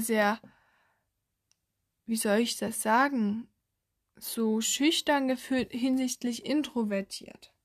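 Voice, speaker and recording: A woman's voice: on the high side, no room sound, studio quality. A young woman giving an earnest motivational talk, speaking straight to the listener and often correcting herself mid-sentence. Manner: earnest, addresses the listener directly, self-correcting. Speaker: self-help vlogger.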